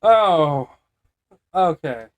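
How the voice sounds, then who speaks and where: A man's voice: fairly high pitch, animated, extremely slow. A man co-hosting a casual podcast chat, who laughs along and asks the questions.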